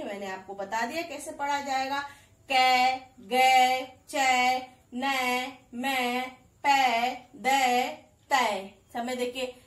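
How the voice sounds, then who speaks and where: A woman teaching a kindergarten Hindi class online, slowly sounding out syllables, repeating them for the children, and asking and answering her own questions. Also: high voice, far from the mic. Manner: addresses pupils as 'beta', asks and answers own questions. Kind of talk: recorded online class lesson. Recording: echoey room, voice a little off-mic.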